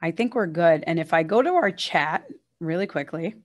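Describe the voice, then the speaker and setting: A woman's voice: on the low side, lively intonation, normal speed, muffled recording. A woman executive fields the last questions of an online presentation, friendly and businesslike, her sentences dotted with small fillers. She speaks from a room shared with a production team. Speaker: agency executive presenting a webinar. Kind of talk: casual presentation Q&A.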